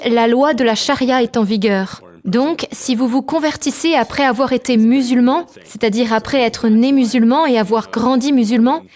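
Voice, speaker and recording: Woman, high voice, calm measured telling, testimony voice-over. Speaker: testimony narrator.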